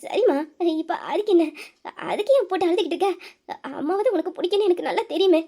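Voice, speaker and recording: A devoted widowed mother in a family drama, acted by a woman. She speaks in a tender, pleading way and sounds close to tears. Her voice sits very high. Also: quick pace, mellow. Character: widowed mother, middle-aged, devoted and self-sacrificing. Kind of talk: emotional family drama acting.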